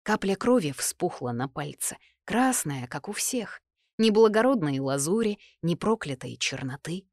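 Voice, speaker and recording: Female audiobook narrator, lowish voice, dry close recording, wry even delivery. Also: a little slow, no echo. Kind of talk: first-person fantasy audiobook narration.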